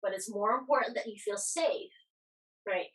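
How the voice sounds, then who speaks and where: A woman's voice: medium pitch, normal speed, a bit bright, distant mic. A woman giving casual, reassuring yoga class instruction, guiding and encouraging as she goes.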